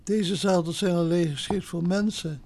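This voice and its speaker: A woman's voice: on the low side, normal speed, darkish tone. Woman voicing Marie, a fussy cow. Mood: soothing. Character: excitable female cow, worried and bossy.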